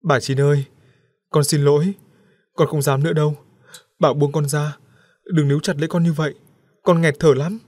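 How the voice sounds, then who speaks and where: A man's voice: a little high, normal speed, pauses often, darkish tone, dry recording, clean studio sound, voice pushed up, close to an everyday voice. A man doing a raving, haunted villager. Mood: delirious. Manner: raving, pleading babble. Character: delirious haunted village husband, out of his mind.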